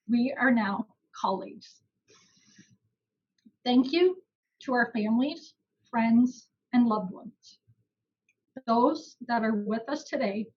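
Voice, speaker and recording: A woman's voice: on the high side, a little mellow, breathy edge, highs cut off. A young woman giving an emotional, heartfelt valedictory speech at an online graduation ceremony.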